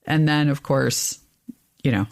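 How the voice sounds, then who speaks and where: Woman, podcast co-host, casual and animated storyteller. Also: unhurried, vocal fry. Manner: animated storyteller, rises in pitch when exasperated. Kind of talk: casual chat.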